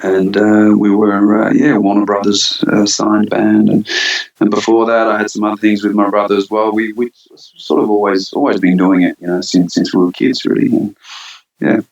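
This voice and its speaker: A man's voice: fairly low pitch, flat delivery, normal speed, vocal fry, a little mellow, lo-fi sound. A man who grew up between Switzerland and Australia, a band singer chatting casually as an interview guest, rambling with many fillers and restarts.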